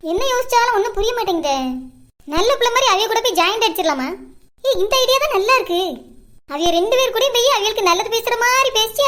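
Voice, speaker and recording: A woman voicing a sly, greedy middle-aged village woman in a cartoon, with a Kanyakumari Tamil accent and a sugary, put-on sweetness. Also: fairly bright tone. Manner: squeaky, sugary, fake sweetness. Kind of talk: cartoon voice acting.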